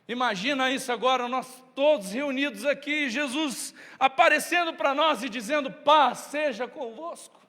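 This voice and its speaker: A man's voice: extremely high pitch, normal speed, hardly any pauses, bright, forceful tone. A man preaching a sermon in a church, retelling the story emphatically and addressing the congregation directly. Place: church sanctuary. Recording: long reverb in a church hall.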